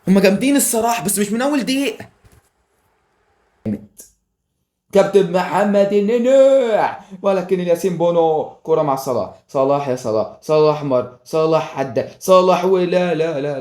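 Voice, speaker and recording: A gaming YouTuber with an Egyptian Arabic accent gives excitable live commentary over a football video game, shouting at the players and joking with viewers. His voice is fairly high-pitched and fast.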